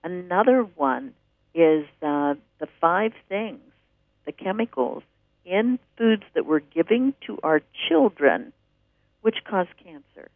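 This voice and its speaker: Plugging classes and articles, a man hosting a radio show rambles in a relaxed, eager way. His high-sitting voice is animated but slow, with vocal fry, and the sound is narrow, dry, and phone-like.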